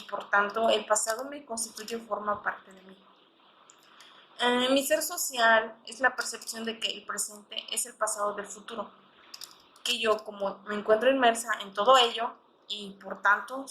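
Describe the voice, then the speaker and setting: Bright-voiced woman reading an academic text. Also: a little high, a little hiss or hum, poor audio. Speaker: panelist, history teacher.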